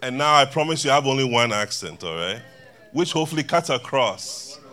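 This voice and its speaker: A man's voice: medium pitch, animated, a little fast, bright, forceful tone. A man preaching a sermon to a church congregation in a loose, conversational way, joking and chatting with the people in the pews. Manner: conversational, laughing, banters with congregation.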